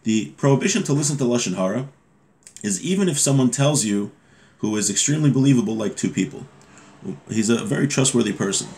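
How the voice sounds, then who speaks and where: With an expressive, slightly mellow voice of medium pitch, a religious teacher in his thirties leads an informal lesson from his desk in a small room at home. He alternates between reading a text aloud and explaining it, often pausing and correcting himself.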